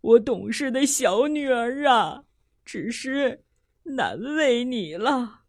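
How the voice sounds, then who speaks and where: Woman doing a hushed, worried old father. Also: mid-range voice, expressive, slow pace, breathy edge, no echo, clean studio sound. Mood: anxious. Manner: sighing, soft and hushed.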